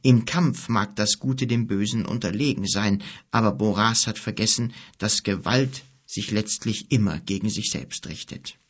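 Male narrator as a wise old wizard, low, slow and husky; audiobook storybook voice. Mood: solemn, grave. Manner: slow, solemn, measured.

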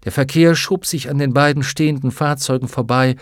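A male audiobook narrator at an average pitch, reading a novel in a steady, even storytelling manner. The sound is dry and close, with no room around the voice. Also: brisk, no room sound. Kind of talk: scripted narration.

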